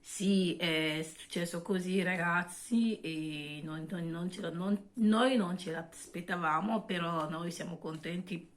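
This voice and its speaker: A woman, a native French speaker, chatting casually to viewers as a vlog co-host in accented, halting speech with repeats and self-corrections. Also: on the low side.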